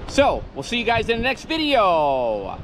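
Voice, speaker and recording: A man's voice: high voice, huge pitch swings, a little slow, a bit bright, slight background noise. A man in his thirties filming a casual travel vlog at a seaside restaurant, enthusiastic and saying wow a lot, with the camera held at arm's length. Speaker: travel vlogger. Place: seaside restaurant and promenade, indoors and out. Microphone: handheld action camera at arm's length.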